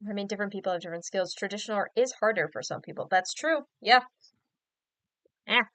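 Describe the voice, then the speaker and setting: Brief: young woman livestream host, bright tone, rambling casual chat. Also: mid-range voice, quick pace, no echo. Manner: chatty, rambling, many fillers. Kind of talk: casual chat while drawing.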